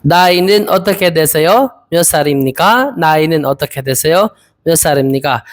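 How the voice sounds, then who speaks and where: A young man in his twenties from the Philippines, practicing Korean interview answers aloud, hesitant and repeating each phrase slowly. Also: fairly high pitch. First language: Filipino. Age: 20s. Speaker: Korean language learner.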